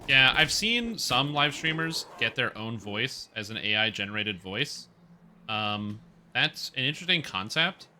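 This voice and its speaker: A man livestreaming a game on headset audio, chatting casually with viewers and reacting loudly to the gameplay. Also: medium pitch, big pitch swings, measured pace, a little hiss or hum. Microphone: livestream headset mic.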